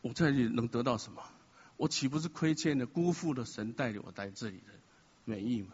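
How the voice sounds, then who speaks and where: A man's voice: medium pitch, a little fast, a little mellow, slightly rough. A man sharing an emotional, confessional testimony at a church gathering, mixing self-mocking humor into his story. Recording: dull sound in a reverberant hall.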